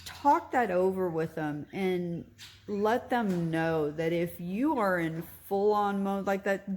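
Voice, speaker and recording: A woman candidly telling a personal vlog story about her recovery from surgery, pausing often and giving earnest advice. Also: mid-range voice, darkish tone.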